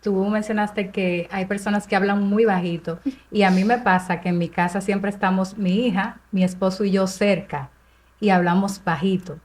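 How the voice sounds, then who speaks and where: A woman's voice: mid-range voice, steady tone, moderate pace, darkish tone. Woman co-host sharing conversationally. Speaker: podcast co-host. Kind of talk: conversational interview.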